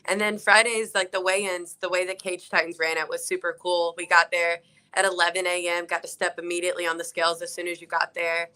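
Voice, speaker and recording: A woman's voice: on the low side, little pitch movement, a little fast, sharp tone, clear, resonant tone. A young woman from South Carolina, a fighter, chatting upbeat and casual as an interview guest over a video call.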